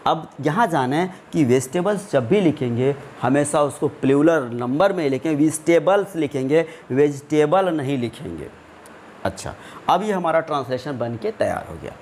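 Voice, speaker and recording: Man, grammar teacher, slow deliberate delivery, slightly high voice, faint background hiss. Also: a little mellow. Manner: slow, deliberate, asks and answers his own questions; stretches out English example words. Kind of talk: classroom-style grammar lesson.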